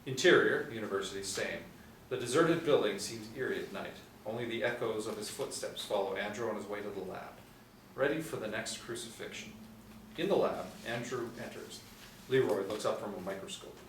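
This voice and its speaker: The recording comes from an echoey small room, captured on a distant mic with faint noise. There, a middle-aged man with a lowish voice briskly reads scripted stage directions as narrator at a table read, sitting and reading from a tablet.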